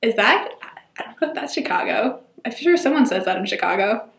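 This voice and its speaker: A woman's voice: a little high, lively intonation, brisk, gravelly, fairly bright tone, roomy sound. A young woman, a student, chatting casually in a rambling, self-deprecating way. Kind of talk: casual chat.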